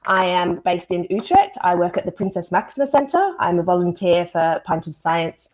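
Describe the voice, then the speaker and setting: A woman with a lowish, slightly mellow voice speaks at a moderate pace in an animated way. She's a volunteer science event presenter hosting an informal live online panel over a video call, keeping things chatty and conversational. The audio is dull and lo-fi, typical of a video call.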